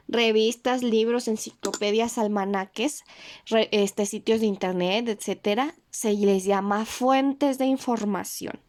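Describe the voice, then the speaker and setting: A woman with a Mexican accent, a teacher patiently walking pupils through a homework sheet, slowing down on key words and checking in often. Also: on the high side, a little mellow. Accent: Mexican Spanish. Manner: slows down to stress key words.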